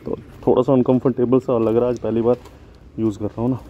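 Out on the road, a man chats into a bike-mounted phone while riding his motorbike, musing and rambling for his casual vlog. He talks quickly in a level, medium-pitched voice; the recording is muffled with background noise.

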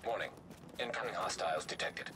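Deep robotic turret system announcer. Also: male voice, brisk. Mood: clipped. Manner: flat clipped status reports. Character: automated male combat system announcer. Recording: loud gunfire and battle noise behind. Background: gunfire and explosions.

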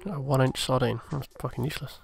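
A man's voice: mid-range voice, fairly even intonation, fast talker, gravelly, a little hiss or hum. A man casually commenting on his own gameplay, chatty and swearing freely as he mutters along. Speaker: let's play host.

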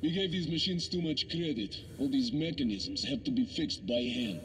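An actor playing a commanding, terse veteran soldier leading a squad in a video game. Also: male voice, mid-range voice, animated, normal speed, close to an everyday voice. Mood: urgent, practical. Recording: echoey hall, faint background noise.

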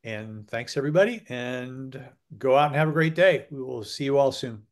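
A man's voice: medium pitch, moderate pace. A man hosting an online webinar over a video call, talking loosely and chattily with lots of fillers. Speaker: webinar host. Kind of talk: casual webinar moderating.

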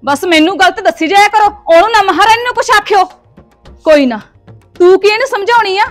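Woman playing a self-righteous elder sister-in-law, very high voice, scolding, faint music. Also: brisk. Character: bossy elder sister-in-law claiming seniority. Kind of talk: Punjabi family sketch acting.

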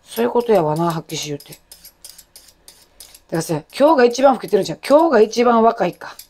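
Loud kansai lady chatting while cooking, kinda rough throat, rambly and self-deprecating. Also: fairly high pitch, animated, quick pace. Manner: chatty, self-deprecating, jumps between topics. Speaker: cooking vlogger. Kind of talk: casual chat while cooking.

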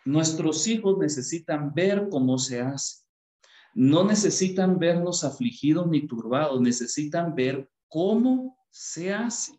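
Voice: medium pitch, lively intonation, slow pace, dark tone, echoey room. A speaker gives a parenting workshop talk with a Bible reading and keeps putting rhetorical questions to the listener.

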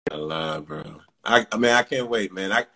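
A man's voice: low voice, pushed and bright, slightly rough. A man in his forties hosting a livestream video call from a room indoors, talking into a phone held close, upbeat and laughing often. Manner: upbeat, quick greetings with lots of laughing. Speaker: livestream host. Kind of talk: casual video call chat. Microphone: phone at close range.

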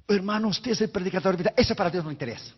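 A man's voice: high voice, rapid-fire, breathy edge. A man preaching a sermon as an evangelist, emphatic and repeating phrases for stress. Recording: reverberant hall, dull lo-fi sound.

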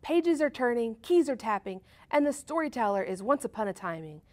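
Lady doing a little storybook boy, higher voice, bouncy and animated. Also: fairly quick. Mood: polite. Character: small boy, polite but growing frustrated.

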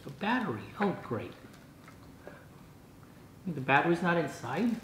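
His voice sits a little high, with big pitch swings, a slightly slow pace and a somewhat bright quality. He's a vlogger in his sixties chatting through an unboxing in his home dining room, thinking aloud, reading bits out and sounding puzzled now and then. The camera across the table captures clean audio with roomy echo.

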